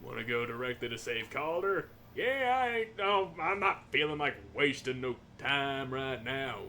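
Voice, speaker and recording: A man's voice: mid-range voice, normal speed, sharp tone, a little hiss or hum. A man giving casual, slangy, joking commentary over a game he is playing. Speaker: gamer commentating on a playthrough.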